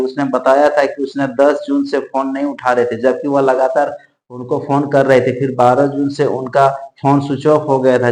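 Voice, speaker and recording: A man narrating a true-crime case in an unscripted way, often restarting and correcting himself mid-sentence. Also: mid-range voice. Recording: echoey room.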